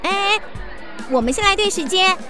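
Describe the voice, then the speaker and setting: A woman's voice: very high-pitched, lively intonation, normal speed, a crowd in the background, voice pushed up. A woman voicing a cheerful school teacher in a children's radio drama, coaxing and sing-song. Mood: upbeat. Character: cheerful female school teacher on a field trip. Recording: children's music underneath.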